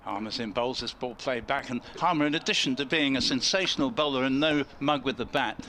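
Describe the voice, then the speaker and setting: A man's voice: mid-range voice, fairly quick, pushed and bright, slight background noise. A man commentating on cricket ball by ball in wordy, rather formal turns of phrase.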